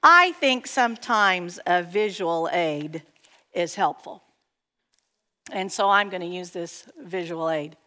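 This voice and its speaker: At a conference workshop in a large hall, a woman gives an earnest, emphatic teaching talk to an audience, adding playful asides. Her lowish voice is animated, slow and pushed bright, and long hall reverb trails her words.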